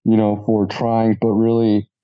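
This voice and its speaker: A man co-hosting a podcast in casual chat, earnest and measured. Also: fairly low pitch, completely flat delivery, clear, resonant tone, no echo. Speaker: podcast co-host. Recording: dull lo-fi sound.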